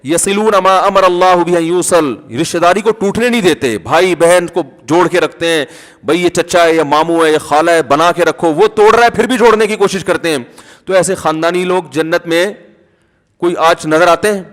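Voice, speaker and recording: A male religious scholar giving a conversational sermon, with humor and asides. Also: fairly high pitch. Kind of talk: Urdu sermon. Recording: long hall reverb.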